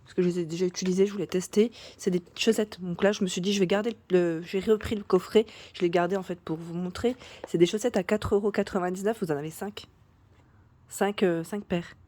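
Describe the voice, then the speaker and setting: A woman vlogger chatting casually through a shopping haul, full of fillers and restarts, her voice cracking and hoarse at times. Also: on the low side, steady tone, fairly quick, warm tone. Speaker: YouTube vlogger.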